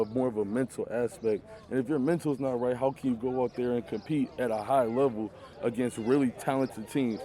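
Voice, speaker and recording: Here a young adult college footballer from Michigan chats casually in a mellow, mid-range voice. The interview takes place outdoors at a youth football camp amid crowd noise, and he speaks earnestly and loosely with frequent fillers.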